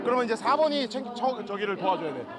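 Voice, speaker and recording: A man's voice: extremely high pitch, sing-song, fast. A man coaching a volleyball team, giving direct, urgent tactical instructions in a huddle. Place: large indoor arena, courtside. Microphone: TV broadcast mic near the huddle. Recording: loud crowd and music, arena broadcast. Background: crowd and music.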